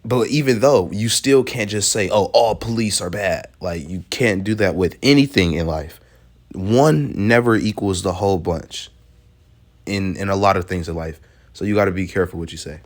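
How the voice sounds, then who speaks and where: In a somewhat low voice and at a moderate pace, a man loosely and casually talks through a reaction video. He's blunt and profane, laughing often as he comments.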